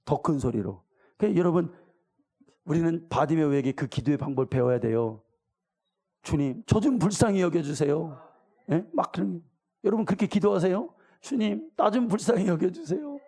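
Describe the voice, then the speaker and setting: A man's voice: fairly high pitch, moderate pace, long pauses, dark tone, breathy edge. A middle-aged man preaching a sermon as pastor, talking colloquially and questioning his congregation. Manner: acts out voices of the people in the story.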